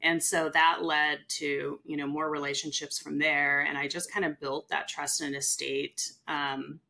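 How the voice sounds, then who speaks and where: A middle-aged woman with a low voice and a gravelly, creaky texture. She talks casually in a chatty, animated way about her real estate work. She often slips into the voices of the people she quotes. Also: unhurried. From California. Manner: chatty, animated storyteller who acts out quotes. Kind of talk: casual podcast conversation.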